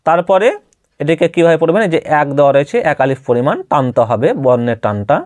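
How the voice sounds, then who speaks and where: A man's voice: fairly high pitch, animated, quick pace, darkish tone, dry recording. A man teaching how to sound out Arabic letters. He speaks patiently, repeats each letter and puts questions to the listener. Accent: Bengali. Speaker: Quran reading teacher. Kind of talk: step-by-step spoken lesson.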